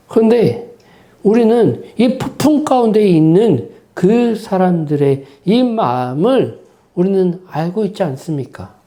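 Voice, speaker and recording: A man's voice: sits high, mellow. Impassioned male pastor preaching. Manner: impassioned, many rhetorical questions and prompting "eh?" tags. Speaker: senior pastor. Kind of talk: sermon. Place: church sanctuary.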